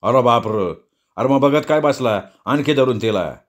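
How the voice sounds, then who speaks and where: A man's voice: medium pitch, lively intonation, unhurried, natural voice. A man voicing a bossy, dismissive police officer who barks orders in a story reading. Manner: barking, dismissive.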